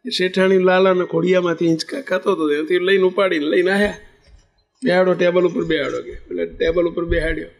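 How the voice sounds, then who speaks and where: Gujarati guy telling a religious story, high voice, does all the characters' lines himself. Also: quick pace, creaky, hardly any pauses. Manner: lively storyteller acting out each character in dialogue. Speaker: spiritual teacher telling a parable. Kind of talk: devotional storytelling discourse.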